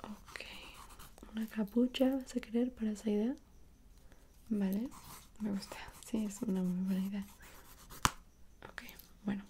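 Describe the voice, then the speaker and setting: A young Mexican woman performs an ASMR role-play as an attentive dressmaker. She speaks softly and slowly, right to the listener, in a bright hushed voice. There is clear hiss behind her. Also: mid-range voice, level tone. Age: young adult. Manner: soft, unhurried, attentive, speaking directly to the listener. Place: small indoor room at home.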